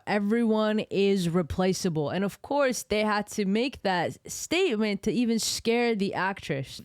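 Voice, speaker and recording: A woman's voice: medium pitch, no echo, clean studio sound. Indignant woman commentary host. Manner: indignant, emphatic remarks. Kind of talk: reaction commentary.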